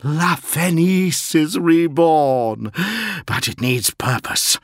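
A man's voice: on the high side, expressive, takes it slowly, dry recording, clean studio sound, voice pushed up. A man voicing a grandiose, decadent male demigod lord in an audiobook, declaiming like a heroic stage actor. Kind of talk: audiobook character voice.

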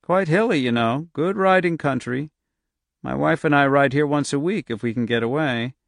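Entranced male psychiatrist, dreamy and distant, drifting slowly, put on by a gravelly-voiced male narrator in a dry, close read. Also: fairly high pitch, dry recording. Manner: dreamy, distant, slow and trailing off. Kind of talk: audiobook narration.

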